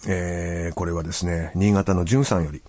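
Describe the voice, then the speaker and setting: A man's voice: deep voice, steady tone, fairly quick, warm tone, dry recording. A male radio host chatting casually and reading listener letters, with a chatty, easygoing manner and frequent filler words.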